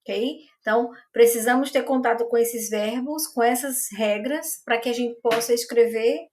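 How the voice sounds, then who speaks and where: A woman teaches English grammar in a patient, step-by-step way. Her voice sits a little high, and she slows right down to repeat each example. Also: a little mellow, a little hiss or hum. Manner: patient and methodical, spells out and repeats examples slowly. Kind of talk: explaining grammar to learners.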